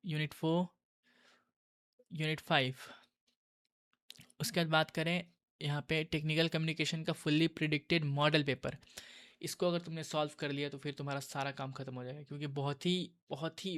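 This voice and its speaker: A man's voice: fairly high pitch, fairly bright tone, clean tone. A young man giving a casual exam-prep lesson, talking to his viewers like friends and calling them bro while he walks through questions. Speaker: exam tutor.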